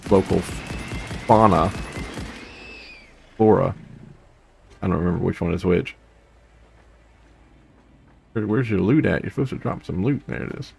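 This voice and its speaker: A young man with a low, darkish voice and vocal fry provides casual let's play commentary, rambling and humming to himself between thoughts. A bit of hiss or hum sits in the recording.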